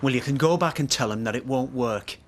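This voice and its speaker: Brief: actor as a defiant, smug rival, mid-pitched, noisy TV sound. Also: male voice, fairly quick, natural voice. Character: stubborn, smug businessman in a rivalry. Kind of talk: television soap drama.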